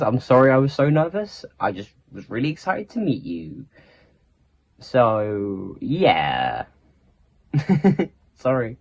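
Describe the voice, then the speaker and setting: A teenage boy tells a storytime tale in a loose, chatty ramble. He trips over his own sentences and restarts them. The recording sounds slightly dull and lo-fi. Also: medium pitch. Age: teens. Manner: rambling, self-interrupting, chatty. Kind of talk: casual storytime chat.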